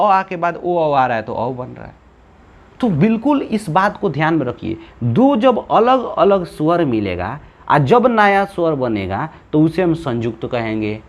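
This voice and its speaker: A man with a Bihari Hindi accent teaching Hindi grammar, asking the class questions, answering them himself and repeating key points. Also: on the high side. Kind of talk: classroom-style lesson.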